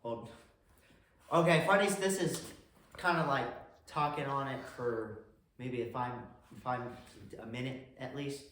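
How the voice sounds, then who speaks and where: A man's voice: mid-range voice, steady tone, a little slow, pauses often, a bit bright. Rambling young man in an echoey room. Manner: rambling, restarts, searching for words. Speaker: podcast co-host. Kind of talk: casual podcast chat. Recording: very echoey room with faint noise.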